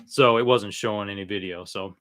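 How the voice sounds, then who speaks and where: A man hosting a casual, unscripted livestream, talking in a halting way that often trails off. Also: on the low side, steady tone, a bit bright, a little hiss or hum. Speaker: livestream host.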